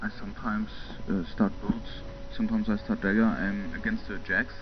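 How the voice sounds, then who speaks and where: Here the same young German gamer talks at a moderate pace in a lowish, steady voice, drifting through relaxed commentary packed with fillers and soft laughs. His home mic sounds muffled, with the game audible behind him.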